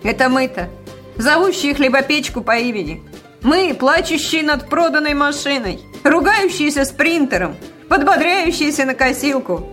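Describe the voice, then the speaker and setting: A woman voicing a feisty, sharp-tongued old woman who exclaims loudly. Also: mid-range voice, measured pace, soft background music, natural voice. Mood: exultant. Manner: loud and exclaiming.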